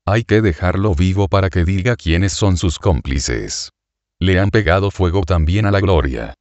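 Man playing a hard, domineering landowner shouting commands, low voice. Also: unhurried, no room sound, highs cut off. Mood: commanding. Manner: barking commands. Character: harsh older landowner giving orders.

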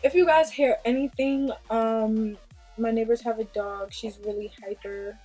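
A woman vlogger in her 20s, from Queens, New York, talks bluntly and casually to the camera in a small room before a plain pink backdrop, at times using Jamaican patois phrases. Her voice is a little high and warm, with fairly even intonation and a measured pace, and soft music plays in the background.

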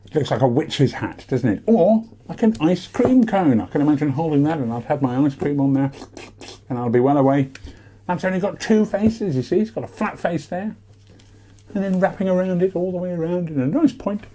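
A man's voice: on the high side, expressive, a little fast, dark tone, slight background noise. A British man presenting a playful maths lesson for young children, with theatrical, sing-song emphasis. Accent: British English.

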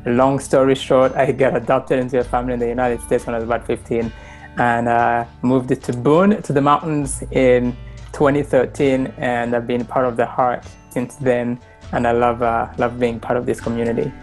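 An earnest young man from Rwanda tells his faith story on a video call at a mid pitch. He talks through an earbud mic in a small plain room, pausing with fillers and restarting his sentences. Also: flat delivery, faint music behind. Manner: earnest, many fillers and restarts, gestures while talking. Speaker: church member sharing testimony. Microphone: wired earbud mic on video call.

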